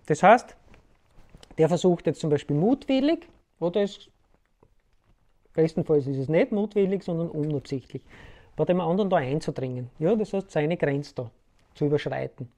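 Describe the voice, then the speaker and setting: Man, casual explainer, rambling, keeps asking "ja?", warm mellow tone. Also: a little high, expressive, moderate pace, long pauses. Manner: keeps asking "ja?" to check in with the listener; loose, rambling, colloquial. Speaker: self-help video host. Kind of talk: casual explanatory talk to camera.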